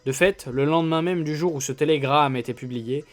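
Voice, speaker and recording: A man reading a classic novel aloud in a measured way, with small slips and restarts. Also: fairly high pitch, faint music behind. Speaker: storyteller.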